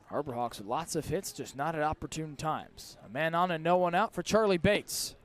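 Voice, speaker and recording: This live radio sports commentator calls a baseball game from the ballpark outdoors. His voice runs on the high side with lively intonation and normal speed, and his short, descriptive calls rise with each play.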